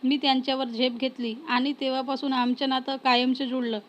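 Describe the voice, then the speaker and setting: Soft young guy opening up in a story, lady reading him high voice, pretty flat. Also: fairly quick, muffled recording, natural voice. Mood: tender. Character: gentle young man, tearful and tender.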